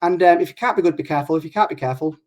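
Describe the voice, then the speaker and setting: A man's voice: on the high side, very fast. A man with a northern English accent chats casually as an online show host. He rambles along and often breaks off his own sentences to start again. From Hull, England. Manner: chatty, rambling, self-interrupting. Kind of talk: casual chat.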